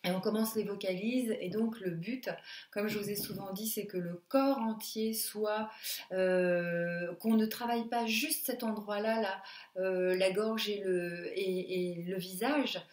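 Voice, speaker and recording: A woman teaching a singing lesson, coaching breathing and relaxation in a slow, calm way and demonstrating sung sounds. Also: medium pitch. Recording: echoey room.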